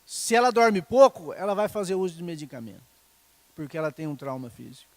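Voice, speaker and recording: A middle-aged man delivers a sermon in a high, light voice. His tone is conversational, often turning to the congregation with short questions. The sound is dry and close, with no room echo. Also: sing-song, a little fast. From Brazil. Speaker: pastor.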